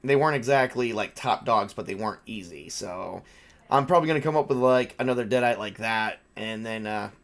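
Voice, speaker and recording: Fairly quick and fairly bright, this man's voice sits on the low side. As game master of a tabletop role-playing session, he chats and narrates casually without a script, repeating phrases as he thinks out loud.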